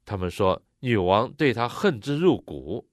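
Male interpreter, deep and animated, expressive, close dry mic. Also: unhurried, no room sound. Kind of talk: consecutive sermon interpretation.

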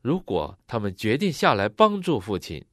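A man interpreting a sermon phrase by phrase, matching the preacher's expressive delivery. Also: lowish voice, normal speed, no echo, clean studio sound.

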